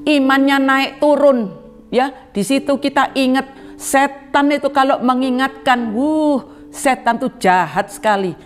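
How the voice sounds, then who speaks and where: A woman's voice: a little slow, faint music behind. An older woman giving an earnest spoken testimony in a church service, addressing the congregation directly and acting out remembered dialogue. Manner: earnest, addresses congregation as beloved brothers and sisters; acts out quoted dialogue with rising pitch.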